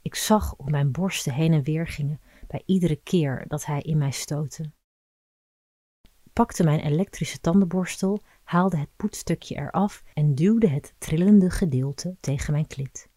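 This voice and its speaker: Low dark-voiced woman reading an erotic story. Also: no room sound. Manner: intimate, measured storytelling. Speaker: narrator.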